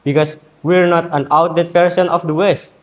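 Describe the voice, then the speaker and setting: Delivering a competition speech, a teenage boy from Indonesia speaks earnestly and rhetorically, pausing for emphasis. He has an Indonesian accent and a steady, slightly high voice.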